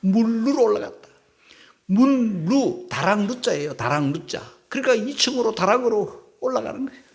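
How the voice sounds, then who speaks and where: A male pastor preaches an emotional sermon in a high, gravelly voice, fairly quick and full of lively intonation. His pitch leaps and drops dramatically, swinging from cries to hushed whispers as he seeks the congregation's assent.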